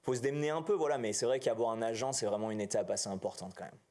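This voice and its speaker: A man, talking casually as an actor guest, relaxed and full of fillers. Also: mid-range voice, rapid-fire. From New Caledonia. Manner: relaxed, chatty, many fillers like "si tu veux" and "quoi". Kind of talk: casual interview chat.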